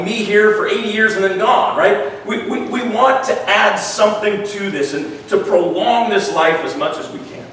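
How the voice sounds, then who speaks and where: A man preaches conversationally in a weak, thin, rather high voice. He often doubles back on his words and tags points with a questioning "right?". The recording is very echoey, picked up from well away from the mic. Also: fairly bright tone. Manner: repeats words and seeks agreement with "right?". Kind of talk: conversational sermon. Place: large echoey room, worship gathering. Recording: echoey room, distant mic, faint noise.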